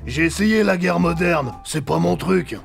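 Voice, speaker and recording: A man playing a dim, loyal and emotional hulking soldier sidekick in an animated parody, earnest and excitable. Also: a little high, measured pace, creaky, loud music behind the voice.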